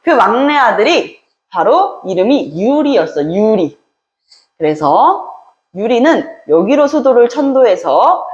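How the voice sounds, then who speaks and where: A woman teaching a history lesson, telling the story with lively acted-out dialogue between characters. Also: fairly high pitch, lo-fi sound. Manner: lively storytelling, acting out characters in quoted voices. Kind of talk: animated classroom lecture with acted-out dialogue. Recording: echoey room.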